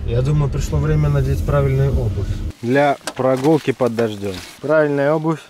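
A man's voice: medium pitch, normal speed. Chatty man filming a road trip. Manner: chatty, wry remarks while driving and walking. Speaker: travel vlogger. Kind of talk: casual travel vlog commentary. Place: in a car and outdoors in a rainy forest. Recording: noisy outdoor and car recording.

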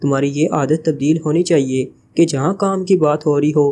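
A man's voice: fairly high pitch, fairly quick, dark tone, slight background noise, close to an everyday voice. A man reading the part of an irritated young woman who scolds her teammate. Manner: exasperated, scolding. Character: irritated young woman, sharp team member.

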